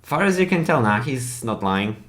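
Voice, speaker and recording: Male game master, relaxed and teasing, mid pitch. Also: moderate pace. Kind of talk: narrating a tabletop game.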